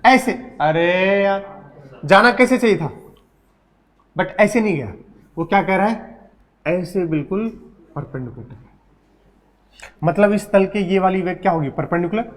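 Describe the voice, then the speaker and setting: A physics teacher with a Hindi accent lectures his class, teasing the students and repeatedly asking them questions. His voice sits high, with lively intonation, a moderate pace, and long pauses.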